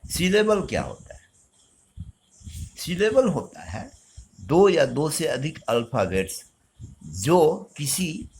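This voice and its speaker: A male teacher with an Indian English accent, explaining grammar slowly and answering his own questions. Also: on the high side, gravelly, breathy edge. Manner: slow, explanatory, asks questions and answers them himself. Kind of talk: recorded grammar lesson.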